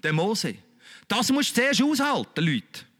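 A man's voice: high voice, very animated, measured pace, a bit bright. A man with a Swiss German accent preaching a sermon in a colloquial, emphatic, repetitive way.

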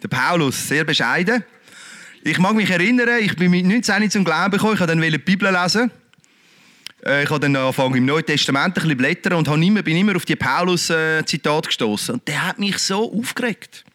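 A middle-aged man, preaching a lively, conversational sermon full of rhetorical questions. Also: on the high side, a little fast. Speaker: pastor.

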